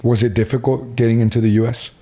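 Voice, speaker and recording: A man's voice: medium pitch, little pitch movement, fast, mellow. A man hosting a casual podcast interview, upbeat and blunt in his questions. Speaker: podcast host.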